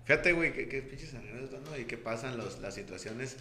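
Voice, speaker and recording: Mexican host dude, chill and slangy, bright sharp voice, echoey room w faint hum. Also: male voice, mid-range voice, a little fast. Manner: laid-back, slangy, with frequent short interjections. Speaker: podcast host. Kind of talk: casual interview.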